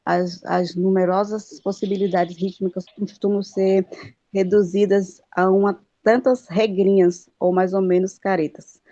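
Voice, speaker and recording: A woman's voice: on the low side, mellow, dry recording, highs cut off. A woman with a Brazilian Portuguese accent giving a class presentation on poetic metre, reading notes with hesitant fillers and stumbles. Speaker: student presenter.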